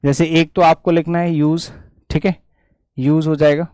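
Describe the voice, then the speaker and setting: A man teaching a vocabulary lesson in a fairly high voice. He repeats each word several times and keeps checking in with his students. The sound is dry and close, with no room echo. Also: little pitch movement, normal speed, darkish tone. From India. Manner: repetitive, explanatory, checks in with "theek hai". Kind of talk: exam-prep vocabulary lesson.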